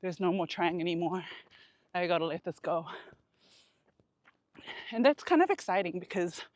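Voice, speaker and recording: A woman talking candidly and reflectively to her vlog while out running, in a halting, casual way with pauses. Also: on the low side, expressive, darkish tone, dry recording. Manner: candid, introspective. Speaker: vlogger.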